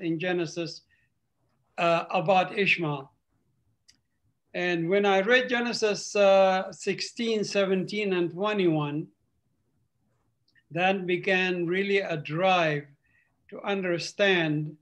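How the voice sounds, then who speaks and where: A man in his sixties from Palestine, raised in the Gulf, giving an earnest, halting testimony over a video call. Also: sits high, a bit bright. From Palestinian, raised in Saudi Arabia and Qatar. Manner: earnest, halting with frequent uhs. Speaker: ministry speaker.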